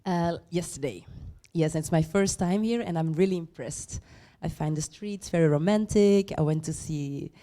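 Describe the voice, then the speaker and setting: A woman's voice: sits low, normal speed, few pauses, dark tone. A woman from Belgium, an actress answering interview questions in a friendly, easygoing way. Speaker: actress guest.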